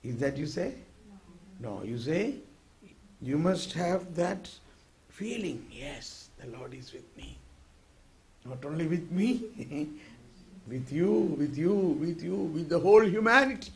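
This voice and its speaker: Emphatic slow-paced male preacher. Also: fairly high pitch, animated. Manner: emphatic, swings from soft asides to loud exclamations, asks the audience to repeat. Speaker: retreat preacher. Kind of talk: sermon.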